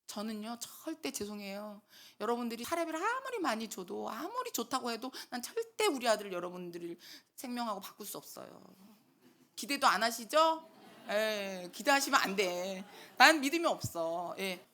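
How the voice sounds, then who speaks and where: A woman's voice: fairly high pitch, moderate pace. A middle-aged woman preaching a sermon in a church, talking back and forth with the congregation and acting out quotes. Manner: animated, talks with the congregation and acts out quotes. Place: church hall.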